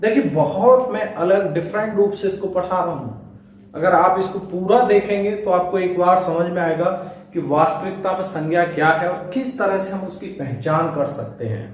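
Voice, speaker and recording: A man's voice: high-pitched, normal speed, a little hiss or hum. A man teaching a Hindi grammar lesson to students, explaining step by step and speaking to them directly. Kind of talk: online exam-prep lesson. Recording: very echoey room, voice slightly far from mic.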